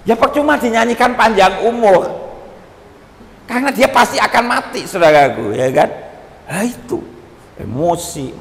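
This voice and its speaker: A man pastor preaching a sermon, animated and joking, often calling out to his listeners. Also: high voice, normal speed, long pauses, slight background noise. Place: church seminar hall. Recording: long hall reverb.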